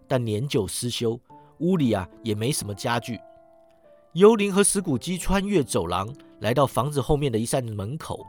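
A man reading a story aloud, expressive, his voice rising and sinking with the scene. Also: mid-range voice. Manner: expressive, rises and sinks with the scene. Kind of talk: storytelling narration.

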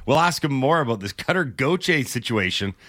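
A man's voice: mid-range voice, lively intonation, a little fast, fairly bright tone. A man hosting a sports radio morning show, reading the rundown and sponsors with dry banter. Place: radio studio.

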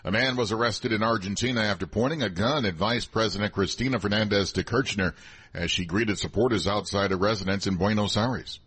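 A man's voice: on the low side, fairly quick, a bit bright, slightly rough. A man anchoring a radio newscast, reading scripted world headlines. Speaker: news anchor.

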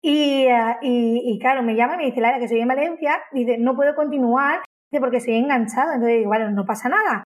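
A woman with a high voice talks in an interview about the company she runs. She is enthusiastic and keeps repeating words as she goes. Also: fairly quick. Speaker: business owner.

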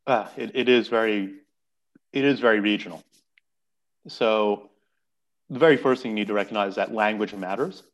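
Rough recording quality captures a lowish male voice at a moderate pace with frequent pauses. He's a podcast guest in a casual conversation, a first-language English speaker who explains earnestly and keeps restarting his words as he thinks.

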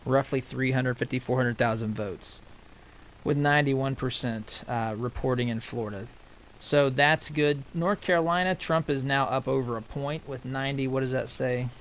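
An American man hosting live election-night radio, giving unscripted political commentary in a halting way, often repeating phrases and breaking off to read figures. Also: mid-range voice, a bit bright, slight background noise, rough recording.

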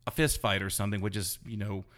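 Man rambling through an animated anecdote. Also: on the low side, fast talker. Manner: rambling, animated retelling full of "you know". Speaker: blogger guest. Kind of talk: casual anecdotal storytelling.

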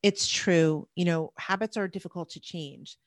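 A woman's voice: fairly low pitch, normal speed, dry recording. A woman co-hosting a podcast, talking in an upbeat, emphatic way. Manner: upbeat, emphatic, wraps up the show. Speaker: podcast co-host. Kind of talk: casual podcast chat.

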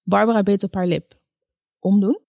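Calm woman narrating a story. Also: mid-range voice, normal speed, no echo, clean studio sound. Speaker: audiobook narrator. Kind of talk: scripted narration.

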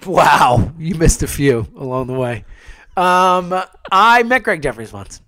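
Sick, mock-exasperated man with lively pitch. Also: slow pace, no echo. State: sick, tired. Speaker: podcast co-host. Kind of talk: casual sports podcast chat.

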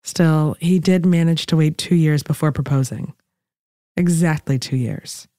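Mellow-voiced scripted podcast narrator. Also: mid-range voice, a little slow, no echo, clean studio sound.

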